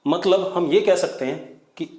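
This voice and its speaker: A man's voice: high voice, measured pace, darkish tone, reverberant. A man teaching a physics class online, asking students questions and repeating key words as he writes. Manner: mixes Hindi with English dictation.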